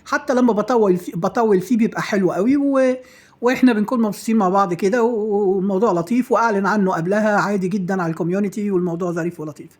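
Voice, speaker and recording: Middle-aged Egyptian woman, home-cooking vlog host, husky, rapid and playful patter. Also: medium pitch, a little mellow. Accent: Egyptian Arabic. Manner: chatty, self-praising and playful, trailing off with fillers. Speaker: home cook and channel host. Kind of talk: casual cooking chat to followers.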